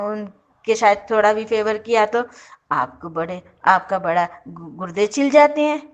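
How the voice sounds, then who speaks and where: A woman giving opinionated casual commentary as a video commentator, sarcastic and indignant, often breaking off and correcting herself. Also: mid-range voice. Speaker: YouTube show commentator.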